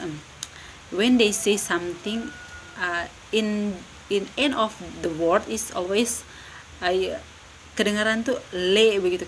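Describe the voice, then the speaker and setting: A woman's voice: medium pitch, a bit bright, low-quality recording. A young woman talks through a class presentation in a mid-range voice. She hesitates a lot and keeps filling gaps with "uh". Faint noise sits under her voice. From Lembata, eastern Indonesia. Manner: hesitant, many fillers, switching between English and Indonesian. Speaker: university student.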